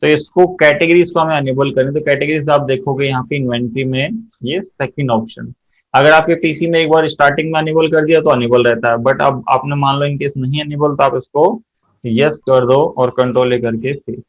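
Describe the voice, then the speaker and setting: A man leads a practical accounting lesson, talking his students through every click. He stops often to ask them what comes next. His voice sits at an ordinary pitch and sounds a little muffled and lo-fi. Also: steady tone, moderate pace. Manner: explains step by step, often checks students' answers. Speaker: accounting teacher. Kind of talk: software tutorial lesson.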